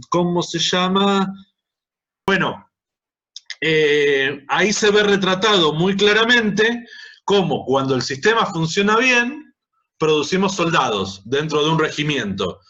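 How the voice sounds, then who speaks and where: A man with an Argentine accent gives a university lecture in a bright, forceful voice that sits a little high for a man. He talks in a conversational way and keeps checking that the class is following. The audio is dull and lo-fi, like an online class recording. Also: animated, measured pace. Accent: Argentine Spanish. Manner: conversational, checks understanding with tag questions. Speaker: sociology lecturer.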